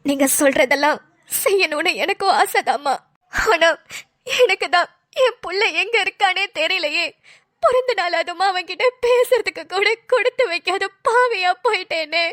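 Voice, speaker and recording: Cartoon role: a woman putting on a grieving mother, low, heavy and sorrowful, well below her own voice. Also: moderate pace, a bit bright, dry recording, clean studio sound. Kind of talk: cartoon voice acting.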